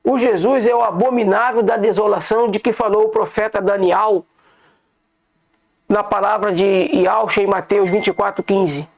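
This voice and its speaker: Gravelly Brazilian preacher. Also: medium pitch, fairly even intonation, normal speed. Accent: Brazilian Portuguese. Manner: repetitive, keeps calling listeners "brothers", points things out. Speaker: online bible teacher. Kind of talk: informal bible study sermon.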